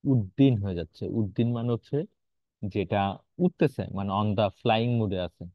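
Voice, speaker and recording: At a moderate pace and in a lowish voice, a man teaches grammar online, patiently explaining, asking his students questions, and dropping in English words. The audio is dry and has a dull, lo-fi quality.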